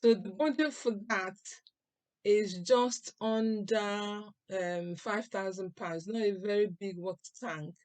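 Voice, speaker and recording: An older woman talking casually to her viewers in a vlog, chatty and unhurried, with pauses and fillers. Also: medium pitch, darkish tone, dry recording. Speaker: vlogger. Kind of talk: casual vlog talk to camera.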